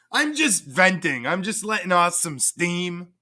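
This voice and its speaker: A man's voice: sits high, sharp tone. A man hosting a livestream, crudely and profanely mocking in a casual rant. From Canada. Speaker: livestream host.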